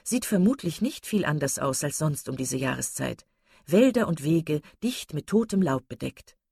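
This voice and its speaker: A woman reading an audiobook voices a sensible young woman who speaks in a measured, gently chiding way. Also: deep voice, sing-song, creaky, husky, no echo, studio quality, full character voice. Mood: dry. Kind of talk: audiobook character voice.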